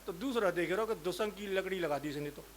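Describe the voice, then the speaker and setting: A man's voice: high-pitched, a little fast, a little hiss or hum. A male comic poet, telling rustic village jokes on stage. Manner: rustic anecdotal joke-telling with dialect. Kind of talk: stage comedy storytelling.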